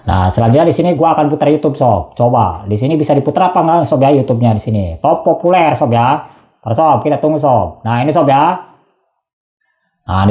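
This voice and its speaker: A man's voice: medium pitch, warm tone, echoey room. A man narrating a casual tech tutorial, chatty and slangy, constantly addressing viewers.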